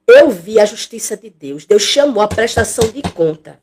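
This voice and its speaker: A woman's voice: medium pitch, animated, moderate pace, a little mellow, a little hiss or hum. A woman teaching an expository Bible study in a conversational way, repeating phrases and acting out what people say.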